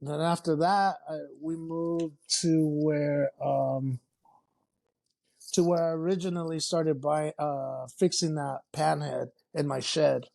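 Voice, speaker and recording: With vocal fry in a voice on the high side, a Mexican man chats slowly and casually on a podcast as a guest, relaxed, cursing, and full of fillers.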